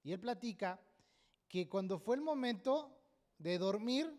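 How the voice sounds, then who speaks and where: A pastor preaches at a church service, his voice pitched high for a man. He talks emphatically and keeps checking in with his listeners with a questioning "right?". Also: expressive, a little slow, a little mellow. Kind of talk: sermon.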